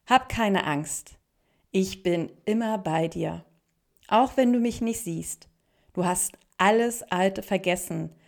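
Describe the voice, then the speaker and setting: A woman voicing a gentle inner voice of the heart that speaks in a soothing, slow, tender way. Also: lowish voice, vocal fry.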